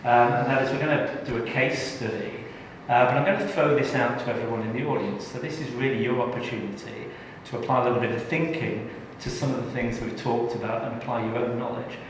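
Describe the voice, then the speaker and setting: A man's voice: mid-range voice, fairly even intonation, fairly quick, few pauses, a little hiss or hum. A middle-aged man from England giving a live tax training session, chatty and joking with the audience. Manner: jokey, chatty, engages the audience. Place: large training room. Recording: echoey hall from far off.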